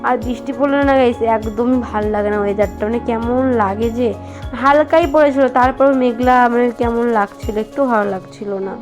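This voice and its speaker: A woman's voice: on the high side, fairly quick, soft background music. A young woman, chatting casually with viewers in a home vlog, full of fillers. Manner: chatty, many fillers, addresses viewers as guys; speaks softly so as not to wake her baby. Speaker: vlogger. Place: home kitchen and bedroom, indoors.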